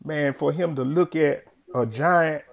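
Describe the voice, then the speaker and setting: A man's voice: a little high, a little slow, vocal fry. Man, host, casual chat, easygoing, slang-heavy. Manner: affirming with frequent murmurs and slang.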